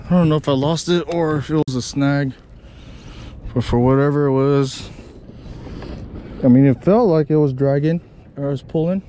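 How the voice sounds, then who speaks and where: A man vlogging from a kayak, giving relaxed, casual commentary to the camera between casts, recorded on a chest-mounted action camera outdoors. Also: fairly high pitch, moderate pace, long pauses, slight background noise. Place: on a kayak out on open water.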